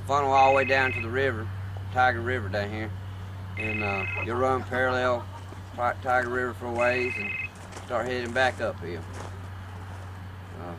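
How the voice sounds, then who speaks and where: Male operator interviewed, halting casual delivery, average pitch, noisy surroundings. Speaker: haunted trail operator being interviewed. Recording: noisy outdoor recording with steady background noise.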